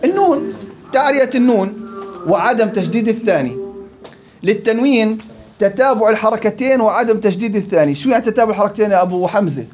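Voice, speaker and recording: A man's voice: high voice, lively intonation, fast talker, muffled recording, faint music behind. A man teaching a recitation class, quizzing students and repeating words to demonstrate them. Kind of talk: classroom lesson.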